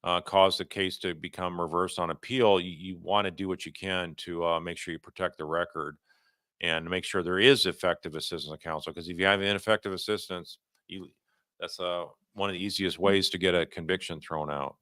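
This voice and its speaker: On a livestream, a man gives unscripted legal commentary and answers viewer questions, speaking haltingly and conversationally and often rephrasing himself. His voice is low, a bit bright and steady in tone, and the recording is dry.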